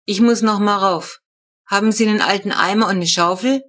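A woman's voice: medium pitch, a little fast, fairly bright tone, lightly acted. A woman reading a storybook, voicing an old male neighbor who speaks in a dry, matter-of-fact way.

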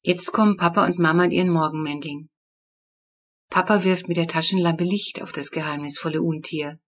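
A woman reading her own children's book aloud in lively storyteller narration. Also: lowish voice, fairly quick. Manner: lively storytelling, voicing the characters.

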